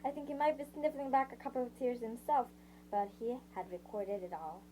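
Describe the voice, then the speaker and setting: Woman haltingly reading a novel aloud. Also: a little high, mellow, slight background noise, poor audio. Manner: halting, frequent restarts and self-corrections; breaks off to summarize parts in her own words. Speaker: audiobook reader. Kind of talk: amateur read-aloud narration.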